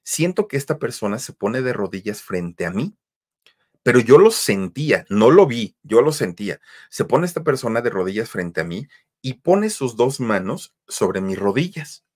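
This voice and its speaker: Man, horror story host, dramatic pitch jumps, fillers. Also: sing-song, normal speed, darkish tone. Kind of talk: retelling a listener's horror story.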